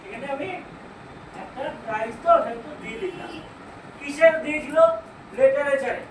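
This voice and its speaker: High-voiced Bengali teacher in an echoey room. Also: male voice. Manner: asks the class questions, then answers them himself; reads English sentences slowly and explains them. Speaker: English grammar teacher. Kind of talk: classroom grammar lesson. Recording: echoey room, far from mic, noisy.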